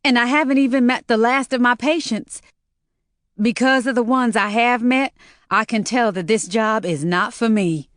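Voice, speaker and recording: Woman reading as a stammery shaken young care worker, kinda high, dry audiobook sound. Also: moderate pace, no echo, close to an everyday voice. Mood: distraught. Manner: whimpering, stammering.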